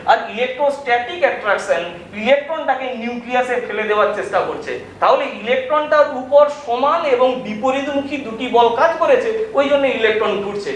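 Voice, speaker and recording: A man teaching a televised physics lesson with a Bengali accent, explaining slowly and repeating points with questions to the students. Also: very high-pitched, a bit bright. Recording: very echoey room, distant mic, faint noise.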